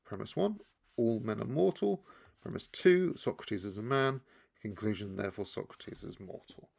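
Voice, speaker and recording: A man explaining key terms in a relaxed lesson, thinking aloud as he draws and often restarting his sentences. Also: on the low side, normal speed, creaky. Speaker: teacher. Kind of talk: explainer lesson while drawing.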